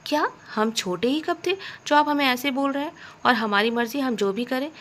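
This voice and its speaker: A woman voicing a proud, easily hurt young woman with sulky, sharp retorts in a spoken story. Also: high voice, normal speed, voice pushed up. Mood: defiant.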